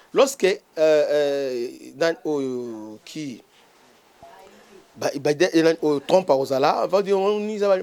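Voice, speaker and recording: On his own channel, a bishop with a Congolese French accent delivers impassioned political commentary, halting and full of fillers, restarts, and stray Lingala words. His voice is a little high with a darkish tone.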